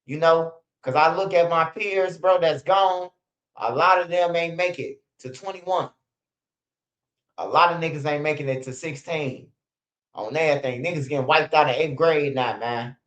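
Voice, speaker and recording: Telling street stories on his livestream, this street news channel host, a man in his 40s, is blunt, profane and casual, often saying "bro" and "man." He talks at normal speed in a fairly high, slightly bright voice.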